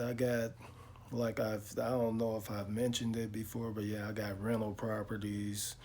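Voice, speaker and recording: A man, talking slowly and reflectively to his viewers in a casual vlog, with lots of pauses and fillers. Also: lowish voice, a little mellow. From Chicago. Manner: slow, reflective storytelling with many pauses and fillers. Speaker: car vlogger. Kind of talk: casual talk to camera.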